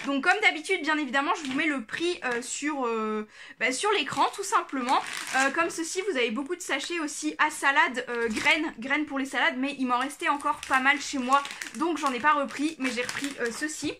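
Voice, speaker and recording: A young woman with a high, bright voice talks through her shopping finds in a relaxed vlog. She rambles cheerfully, dropping fillers and correcting herself mid-word. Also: a little hiss or hum. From France. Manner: chatty, with fillers and self-corrections. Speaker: craft vlogger. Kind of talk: casual haul vlog.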